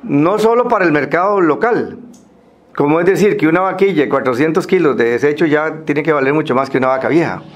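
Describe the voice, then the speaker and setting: Higher-voiced Costa Rican man explaining, halting delivery. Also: faint music behind. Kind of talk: semi-formal spoken presentation to a group.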